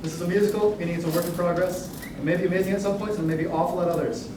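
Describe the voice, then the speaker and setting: Indoors at a staged reading, a young adult man, the writer presenting his musical and performer, gives a casual, irreverent and hesitant pre-show announcement. His voice is high and steady in tone but racing. The recording is distant and very echoey, with background noise and music.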